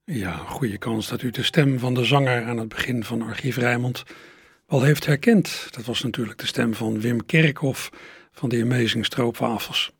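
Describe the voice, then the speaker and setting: A man presenting a radio program, calmly explaining the story behind old records. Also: mid-range voice, moderate pace, breathy edge, no room sound, clean studio sound. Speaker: radio host.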